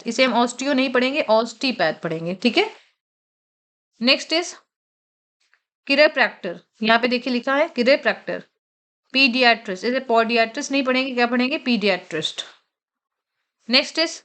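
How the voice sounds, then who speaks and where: A woman teaching an exam-prep vocabulary lecture. She explains slowly and asks questions, then answers them herself, mixing English terms into her teaching. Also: fairly high pitch, fairly bright tone.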